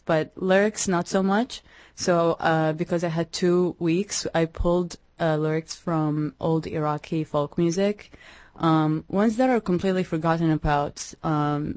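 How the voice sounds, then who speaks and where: Young woman from iraq, low flat voice, lots of ums and restarts, dry sound. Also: dry recording. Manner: hesitant, many ums and restarts. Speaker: musician guest. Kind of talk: radio interview.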